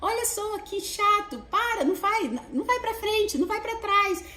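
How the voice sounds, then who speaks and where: A mocking inner voice scolds in a high, rapid patter, put on by a Brazilian woman. It nags and belittles without pause. The room around it sounds echoey. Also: bright, forceful tone. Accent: Brazilian Portuguese. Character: nagging self-critical inner voice, female.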